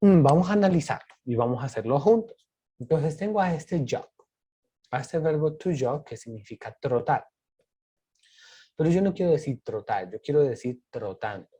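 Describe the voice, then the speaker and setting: A man's voice: fairly high pitch, expressive, moderate pace, mellow, breathy edge. A male teacher patiently explaining grammar rules step by step, asking and answering his own questions. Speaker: English teacher.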